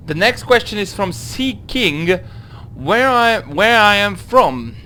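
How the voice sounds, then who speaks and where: A young man from Hungary with a Hungarian accent, answering viewer questions in a casual gaming Q&A, halting through his English with many fillers. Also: high voice, sing-song, pushed and bright, slight background noise. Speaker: gaming video creator. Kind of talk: casual Q&A monologue.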